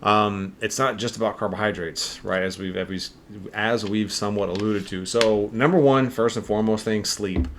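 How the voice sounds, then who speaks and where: Male podcast co-host, lowish voice, loose filler-heavy explainer, slight noise floor. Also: fairly even intonation, moderate pace. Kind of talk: casual health podcast chat.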